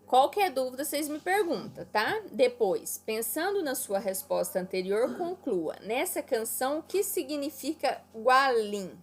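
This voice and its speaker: A woman's voice: high voice, big pitch swings, unhurried, hardly any pauses. A woman teaching an online class to children, walking them through exercises patiently and checking in often. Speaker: primary school teacher.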